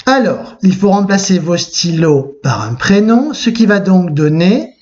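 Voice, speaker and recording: Man, teacher, high voice, patient step-by-step video lesson, dull lo-fi sound. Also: animated, a little mellow. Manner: patient, explains step by step, repeats "d'accord?" often; slows down to spell out example forms. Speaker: French teacher. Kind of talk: recorded video lesson for sixth graders.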